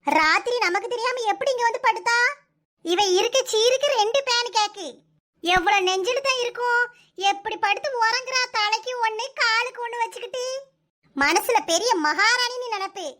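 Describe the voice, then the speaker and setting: A woman voices a sharp-tongued, proud old mother-in-law in a comic cartoon, with a Kanyakumari Tamil accent. Her pitch is extremely high and her pace moderate, and she sounds grumbling, nagging, and sarcastic.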